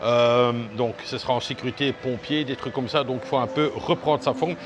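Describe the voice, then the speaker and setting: Walking along a busy seaside street, a male travel vlogger talks casually and directly to his viewers, rambling with plenty of fillers and restarts. His voice is medium-pitched with fairly even intonation at a normal speed, and the highs are cut off beneath street and traffic noise.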